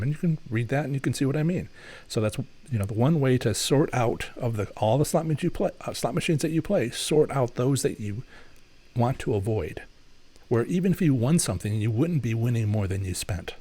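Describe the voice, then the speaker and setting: This is a live question-and-answer chat led by a man whose medium-pitched voice is mellow with a breathy edge. He responds to viewers casually, restarting often and using many fillers while he explains and gives advice.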